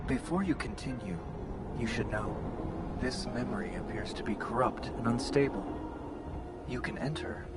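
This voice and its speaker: An actor playing a condescending, measured AI guide in a sci-fi horror video game. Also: male voice, medium pitch, expressive, heavy background noise, lightly acted. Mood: grave, measured. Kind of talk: scripted video game dialogue. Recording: loud game music and alarms over voice.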